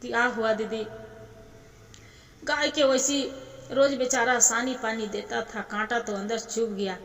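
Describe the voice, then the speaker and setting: A woman's voice: a little high, steady tone, unhurried, fairly bright tone. A woman with a Bhojpuri accent telling a sad devotional folk story, emotionally addressing her listeners as sister. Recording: echoey reverberant hall.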